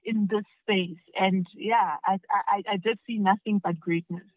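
A woman's voice: mid-range voice, fairly even intonation, normal speed, no echo. A woman with a South African accent, a guest actress chatting casually, switching between English and Tsonga and repeating words as she starts a thought. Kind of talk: casual podcast chat. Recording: dull, dry podcast audio.

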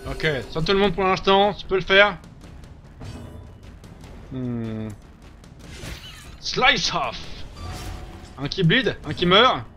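A man hosting a let's play, giving casual gameplay commentary, reacting loudly, joking and swearing at the game. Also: high-pitched, sing-song, slow, pauses often, faint music behind.

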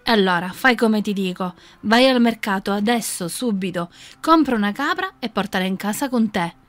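A woman voicing a calm, kindly old male village sage who speaks with assurance. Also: medium pitch, normal speed, lightly acted.

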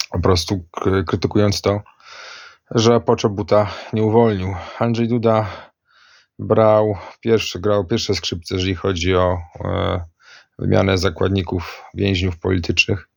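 A man with a deep, fry-laden voice gives an informal political rant. He is blunt and accusatory, yet often hesitates as he searches for the next word. The sound is dry, with little room around it. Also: a little mellow, dry recording. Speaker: political commentator.

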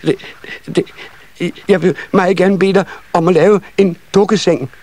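A man reading a children's story and voicing a bunch of excited little elf children in a shrill, eager voice. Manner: shrill, eager, tumbling over each other.

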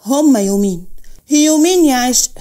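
A woman reading a storybook gives voice to a hot-tempered young man with an Egyptian accent, jealous and menacing. The voice stays mellow and fairly high, but the threats come hard and cold. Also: animated, normal speed. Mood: threatening. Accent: Egyptian Arabic.

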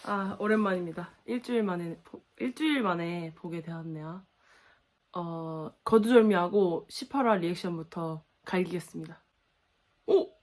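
A woman's voice: lowish voice, moderate pace. A young woman reacting to a dating show episode, exclaiming and laughing as she talks to her viewers. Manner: animated, exclaiming and laughing at the screen. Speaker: reaction video host. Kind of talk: casual reaction commentary.

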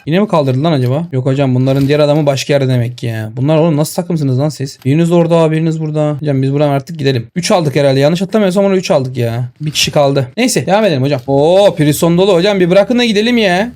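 A man giving excitable live commentary over his own shooter gameplay, talking to his viewers and shouting at enemies, on a headset mic. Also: a little high. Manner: excitable, talks to viewers and to the enemy. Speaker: gaming streamer. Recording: game sounds and gunfire behind.

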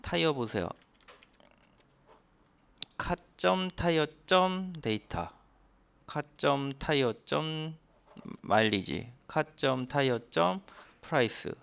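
A man's voice: on the high side, expressive, takes it slowly, vocal fry, long pauses, fairly bright tone, clear, resonant tone. A man teaching a programming class step by step, asking the listener rhetorical questions as he explains. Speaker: programming instructor. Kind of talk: screen-recorded coding lecture.

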